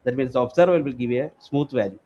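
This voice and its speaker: Male technical presenter in Q&A, repetitive and halting, mid-pitched, with muffled conference-call sound. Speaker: research presenter answering questions. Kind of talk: technical conference question and answer. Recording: dull online call audio.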